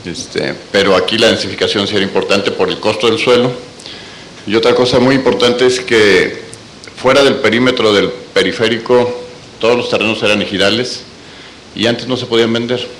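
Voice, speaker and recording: A Mexican-accented man with a fairly low voice comments from the audience at a conference. He explains his point politely, with some noise and ambience behind him. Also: fairly even intonation, moderate pace, fairly bright tone, low-quality recording. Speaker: architect, audience member commenting. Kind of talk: spoken comment in a question session. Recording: background noise and room ambience.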